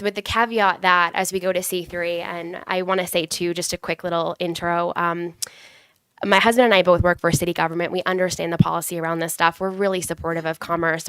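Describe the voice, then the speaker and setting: A woman's voice: fairly low pitch, a bit bright, smooth, dry recording. Stuffy-voiced woman speaking at a council meeting. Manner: earnest, quick, organized with many restarts. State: stuffy from a cold. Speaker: public commenter. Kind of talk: public comment at a council meeting.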